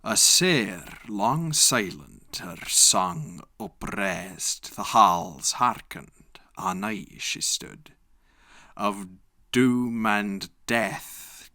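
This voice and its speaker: Guy doing solemn dramatic poetry recital in old elizabethan accent, bright forceful tone, super dry close sound. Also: low voice, no room sound. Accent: reconstructed Elizabethan English. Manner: solemn, declamatory, measured. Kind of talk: dramatic recitation of epic verse.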